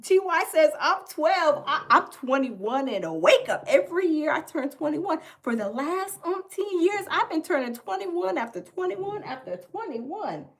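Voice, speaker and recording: Casting: Southern woman livestream host, high voice, chatty and folksy, repeats herself. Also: sing-song, unhurried, hardly any pauses. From American South. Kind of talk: casual livestream chat, reading viewer comments.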